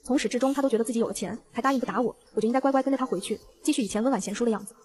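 A woman narrating a novel in the first person, in a brisk, even storytelling read. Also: a little high. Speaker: audiobook narrator.

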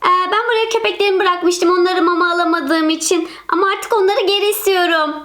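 A woman's voice: steady tone, a little fast, faint music behind. A woman doing a sneaky dog-reclaiming woman. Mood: pleading. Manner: hesitant, then scheming in low hushed tones. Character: woman reclaiming her abandoned dogs, sneaky. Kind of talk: game role-play voice.

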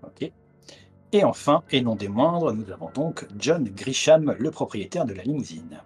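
A man's voice: medium pitch, big pitch swings, measured pace, a little mellow, husky, faint music behind. A man narrating a tabletop horror game as game master over a video call, with many hesitant fillers. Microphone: headset on a video call.

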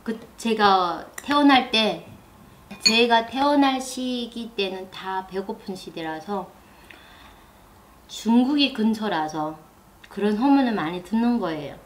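A soft-spoken young woman from North Korea chats while eating at a low table in a living room. Her pitch sits in a middle range, and faint noise and clinking dishes run behind her. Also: lively intonation, slow pace. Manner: soft-spoken, answers with short agreeing words. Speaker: North Korean defector guest. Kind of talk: casual chat over a meal.

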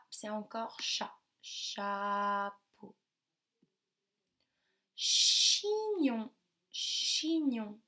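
A woman teaching young children a remote lesson, slowly sounding out syllables and cheering them on. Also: high voice, sharp tone. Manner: slow, carefully sounds out syllables, encouraging. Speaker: primary school teacher.

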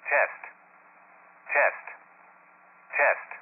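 Over a staticky broadcast, a man working as a weather radio announcer delivers scripted emergency test announcements in a formal, measured manner that sounds synthetic. The audio is narrow and tinny, with slight background noise.

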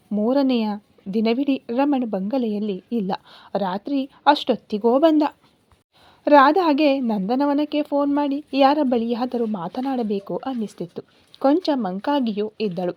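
A woman narrates a romantic story from a script. Her reading is expressive and dramatic. Her voice sits a little high. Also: no room sound, highs cut off.

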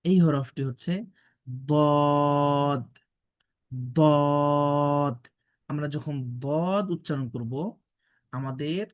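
A man teaching Quran letter pronunciation, stating each letter slowly and carefully, then repeating it. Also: a little high, a little mellow, dry recording, clean studio sound. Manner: drawn-out, deliberate modeled pronunciations.

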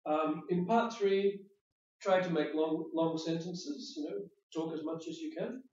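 A man's voice: on the high side, unhurried, darkish tone. Patient male teacher in an echoey classroom. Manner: patient, explanatory, repeats words while thinking. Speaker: IELTS speaking teacher giving feedback. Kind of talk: spoken test feedback. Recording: echoey room, distant dull mic.

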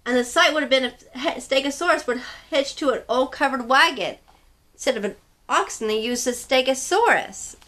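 A young woman reads picture books and leads movement games for small children. Her voice sits high and sounds bright and clear. She speaks in a sing-song, encouraging way, as if talking straight to a child. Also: moderate pace. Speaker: children's story time host. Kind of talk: leading a kids' movement activity and reading aloud.

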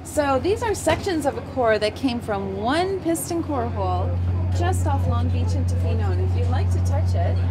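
A woman scientist, a professor, explaining samples to visitors with enthusiasm. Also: sits high. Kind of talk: explaining exhibits.

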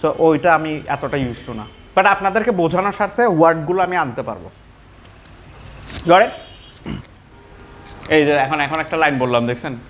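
A man's voice: on the high side, expressive, fast talker, few pauses, fairly bright tone, slight background noise. A man teaching English pronunciation, switching between Bengali and English and repeating example words.

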